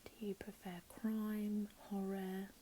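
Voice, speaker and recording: A woman playing a helpful, chatty librarian in an ASMR role-play, speaking in a gentle, unhurried library soft voice. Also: medium pitch, level tone, slight background noise, close to an everyday voice. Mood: friendly, attentive. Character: helpful, chatty female librarian signing up a patron.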